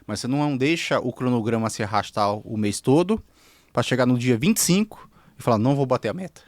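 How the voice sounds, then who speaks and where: A man hosts a podcast and speaks at a middle pitch. He recaps what his guest said in neat lists and then pushes into the details. The sound is dry and close. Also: lively intonation, fairly quick, a little mellow, dry recording. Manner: sums up points in lists, then asks for more. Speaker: podcast host. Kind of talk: casual podcast interview.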